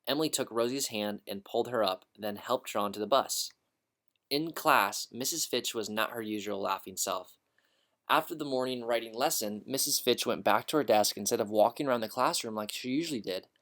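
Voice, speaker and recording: A man calmly narrating a children's storybook in a clear storytelling manner. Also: fairly low pitch, a little fast.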